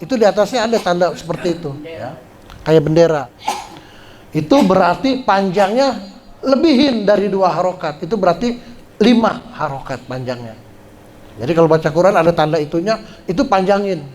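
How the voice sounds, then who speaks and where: A man teaching Quran recitation rules at a study gathering, explaining patiently and chanting drawn-out syllables to show pronunciation. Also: sits high, animated, darkish tone. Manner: slow, patient explaining with frequent "ya" check-ins. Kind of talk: tajwid lesson at a religious study gathering.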